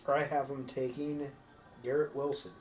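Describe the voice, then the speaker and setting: A man's voice: medium pitch, flat delivery, unhurried, a little mellow. A man in a casual discussion, making brief and blunt remarks. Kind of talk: casual draft pick discussion. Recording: echoey room with faint hiss.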